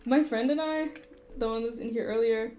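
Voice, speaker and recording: A woman's voice: on the high side, fairly quick, dark tone, faint music behind. Giggly rambling young woman streamer. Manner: rambling, giggly, swearing casually. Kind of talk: casual chat while drawing on stream.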